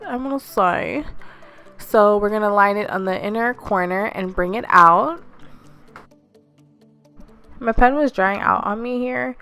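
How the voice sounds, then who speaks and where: Casting: young woman, casual tutorial voice-over, friendly and instructive, soft music underneath. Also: medium pitch. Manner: chatty, instructive, self-deprecating. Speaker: beauty vlogger.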